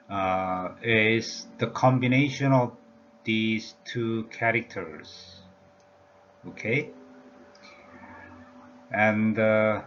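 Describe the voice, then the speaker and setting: Slow, halting male teacher. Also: lowish voice, fairly bright tone. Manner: halting, many "uh" and "yeah" fillers. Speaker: language teacher. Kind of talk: slow explanatory lecture. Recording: dull lo-fi recording with faint room noise.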